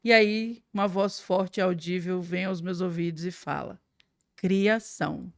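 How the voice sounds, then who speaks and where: A woman with a Brazilian Portuguese accent appears as a guest, telling an emotional personal testimony with vivid storytelling that swings between hushed and loud. Her pitch is fairly low, her intonation fairly even, and her pace moderate. The recording is dry and studio quality.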